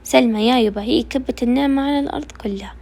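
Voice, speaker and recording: A woman's voice: fairly high pitch, rapid-fire, darkish tone. A woman voicing a playful, joking young Najdi man. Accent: Najdi Saudi.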